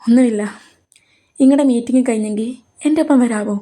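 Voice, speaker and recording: Brief: woman doing an emotional young heroine, quick to anger, mellow voice. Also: a little high, lightly acted. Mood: tearful. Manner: emotional, pleading. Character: tearful, hot-tempered young woman in love.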